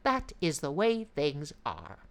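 A woman's voice: low voice, wildly swooping pitch, takes it slowly, gravelly, exaggerated voice. Woman doing a trampled grumbling road, worn out and bitter. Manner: bitter, complaining. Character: weary, trampled, complaining talking road.

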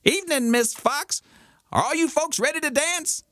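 A male storyteller voicing a cocky male rabbit calling out in a high sing-song. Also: normal speed, fairly bright tone, dry recording, clean studio sound. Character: cocky fast-talking male rabbit fiddler.

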